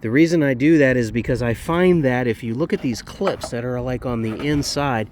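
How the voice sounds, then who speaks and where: A man's voice: medium pitch, normal speed, darkish tone. Man with a sore jaw, noisy recording. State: sore, slightly swollen jaw after surgery, talking a little oddly. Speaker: RC hobby channel host reviewing a model plane. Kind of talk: casual hands-on product review.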